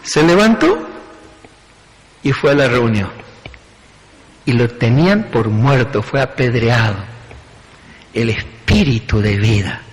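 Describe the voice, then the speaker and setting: A man's voice: medium pitch, expressive, slow pace, long pauses, long reverb tail, rough recording. A man preaching a sermon as pastor, building emphasis through short repeated phrases.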